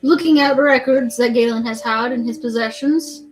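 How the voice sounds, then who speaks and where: A woman's voice: fairly high pitch, soft background music, lightly acted, low-quality recording. A woman voicing a peg-legged male sea captain who stiffly addresses a town. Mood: proclaiming. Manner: stiff formal proclamation, halting.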